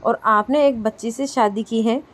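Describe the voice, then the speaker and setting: A playful young bride of twenty, sick with fever but full of cheek, teasing her husband in a storybook story. She sounds childlike and slightly pouting, and her voice sits fairly high, as a woman narrator reads her. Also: fairly even intonation, normal speed, close to an everyday voice. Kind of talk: storybook dialogue reading.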